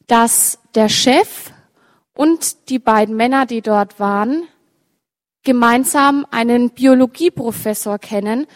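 A woman with a fairly high voice tells a story to a young audience, turning to her listeners as she goes. Her voice rings out in a hall with a long, lingering reverb. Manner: lively, direct address to listeners. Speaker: storyteller for children. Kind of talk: telling a story with pictures to an audience.

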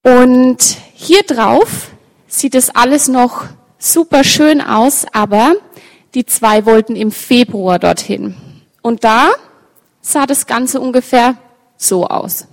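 A woman telling a story with pictures to an audience, talking straight to her listeners in a lively way. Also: on the high side, takes it slowly. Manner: lively, direct address to listeners. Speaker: storyteller for children. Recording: long reverb, large hall.

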